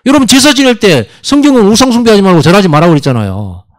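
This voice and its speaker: A man preaching a Sunday sermon in a church, emphatic, with sudden swings in pitch and quoted voices acted out. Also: big pitch swings, rapid-fire. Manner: acts out quoted voices and asides. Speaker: pastor. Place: church sanctuary.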